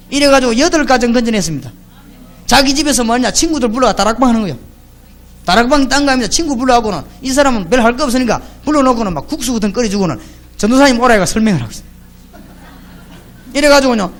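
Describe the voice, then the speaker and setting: A male pastor, preaching in a high voice that leaps up and down with lively energy. His sermon is chatty and full of stories. He keeps challenging the congregation with rhetorical questions and lands on short, emphatic cries. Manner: emphatic, punchy exclamations.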